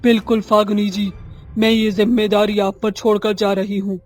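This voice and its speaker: A man voicing a kindly female witch schoolteacher in a cartoon, speaking in a flat, reassuring way. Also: high-pitched, moderate pace, natural voice.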